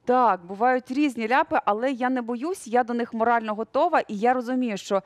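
A young woman, a news producer, chatting as a guest in a studio interview, relaxed and chatty, with many fillers. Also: on the high side, fairly quick, dry recording.

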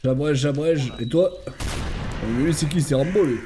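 A young man casually commenting on his game and reading in-game notes aloud, getting excited as he plays. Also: on the high side, moderate pace, background noise. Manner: excitable, talks to himself and viewers, reads in-game notes aloud. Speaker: gaming YouTuber. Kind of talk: casual let's-play commentary.

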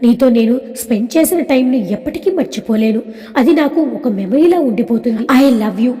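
An earnest young college man who courts with soft sincerity and a gentle tease, as a woman narrator puts him on. The voice sits fairly high and mellow rather than bright. It rings with a long hall reverb. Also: lively intonation, normal speed, close to an everyday voice.

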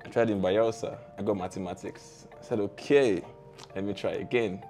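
Seated in a small indoor studio with curtains, a young Nigerian-accented man, a tech founder, shares stories as a guest in a relaxed, slangy way. He speaks at a normal speed in a fairly low, steady, slightly mellow voice, faint music underneath.

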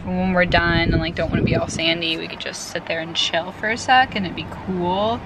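A woman's voice: on the low side, steady tone, fairly quick. Chatty young woman vlogging on the go. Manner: chatty, upbeat, filler-heavy. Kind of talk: casual travel vlog. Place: car and outdoors, on the move. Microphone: handheld camera or phone. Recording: noisy handheld recording, car noise.

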